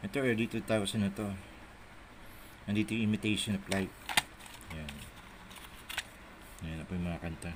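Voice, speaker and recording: A middle-aged cassette collector from the Philippines talks at normal speed, his voice on the low side and broken by frequent pauses. With a Manila Tagalog accent, he casually rambles and mutters while filming his collection on a handheld phone that captures noisy audio.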